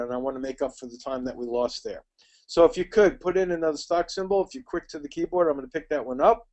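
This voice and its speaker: Middle-aged male webinar instructor, slightly high voice, rapid and chatty. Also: a little mellow. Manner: quick, chatty, addresses attendees by name. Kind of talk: live webinar teaching.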